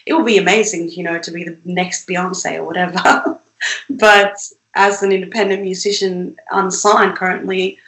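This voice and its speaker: A woman's voice: fairly low pitch, little pitch movement, moderate pace, a bit bright, roomy sound, rough recording. A young woman from Sweden, an independent musician, chatting casually as an interview guest with lots of fillers, restarts and laughs.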